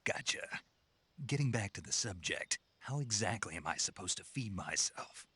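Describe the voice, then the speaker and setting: Very low, husky soldier. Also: male voice, normal speed, dry recording, heavily acted. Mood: dry, wry. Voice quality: gravelly, husky. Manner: terse, deadpan. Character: gruff, dry-witted male special forces soldier. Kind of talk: scripted video game voice acting.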